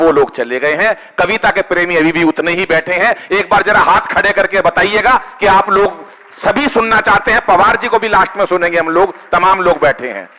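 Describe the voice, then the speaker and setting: A man's voice: high voice, pushed and bright, long reverb tail, low-quality recording. A man from Haryana, performing comic poetry on a live stage and bantering with the crowd to draw applause. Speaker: comic poet. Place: live stage before an audience.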